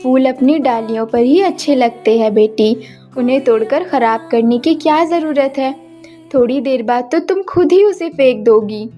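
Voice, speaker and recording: A woman's voice: high-pitched, moderate pace, warm tone, faint music behind, lightly acted. A woman voicing a loving, worried middle-aged mother in a cartoon story, speaking in a soothing, tender way.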